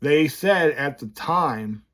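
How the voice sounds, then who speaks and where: A man's voice: on the high side, slow. Man talking through new braces. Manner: candid, rambling, animated. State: slurred speech from new braces. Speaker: vlogger running a business. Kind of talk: casual vlog talk to camera. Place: his office.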